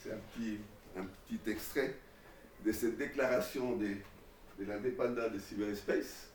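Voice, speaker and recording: A man giving an informal classroom lecture, animated, with many restarts and fillers. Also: lowish voice, normal speed, slight background noise. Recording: echoey room, mic far away.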